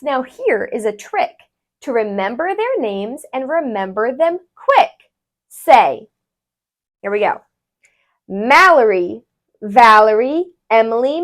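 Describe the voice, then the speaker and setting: A woman tutor reads a rhyming children's book aloud, deliberate and expressive, her phrasing sing-song. Her pitch sits fairly high.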